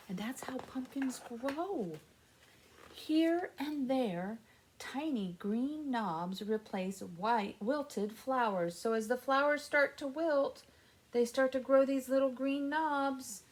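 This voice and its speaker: A woman leads story time for young children, reading aloud with expressive emphasis. She explains things simply and poses questions to her listeners, her voice on the high side.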